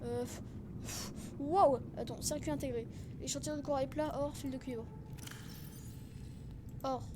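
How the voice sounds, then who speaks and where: A woman from France streaming a video game, chatting excitably with her viewers and laughing at her own mistakes. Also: high voice, unhurried, noisy background. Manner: chatty, excitable, self-mocking, talks to chat. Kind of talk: casual let's-play commentary. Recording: game music playing underneath. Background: video game music.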